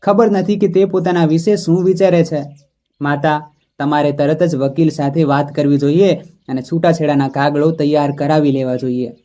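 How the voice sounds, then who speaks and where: A man voicing a stubborn, quick-tempered young wife who speaks sharply and indignantly. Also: fairly high pitch, fairly even intonation, dark tone, natural voice. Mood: angry.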